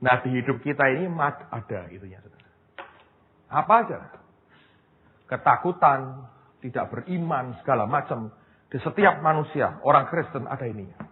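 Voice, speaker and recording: A man preaching a sermon as pastor, telling stories in a lively way and often turning to his listeners as brothers and sisters. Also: mid-range voice, moderate pace, pauses often. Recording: tinny phone-like sound, long hall reverb, faint noise.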